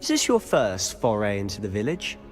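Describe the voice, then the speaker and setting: A man's voice: fairly low pitch, huge pitch swings, moderate pace, music in the background. A man playing a cheeky, charming teenage wizard schoolboy in a video game, playful and mock-formal. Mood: playful, friendly. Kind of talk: scripted video game acting.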